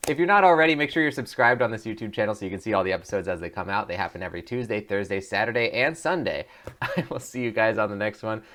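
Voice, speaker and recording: Talking fast in a lowish, somewhat bright voice, a man hosts a let's play. He laughs a lot as he reads the options aloud and pokes fun at them.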